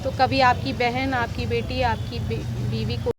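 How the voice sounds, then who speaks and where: A woman in her thirties making an angry, emphatic statement to reporters outdoors, her voice rising into loud outbursts. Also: on the high side, little pitch movement, a little slow. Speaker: interviewee, politician. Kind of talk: impassioned press statement. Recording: street noise behind.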